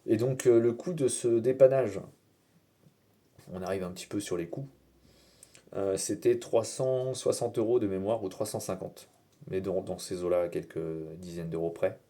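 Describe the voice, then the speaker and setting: Deep-voiced man, halting vlog talk. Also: warm tone. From France. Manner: hesitant, many "euh" fillers. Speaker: car vlogger. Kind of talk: casual explanatory vlog.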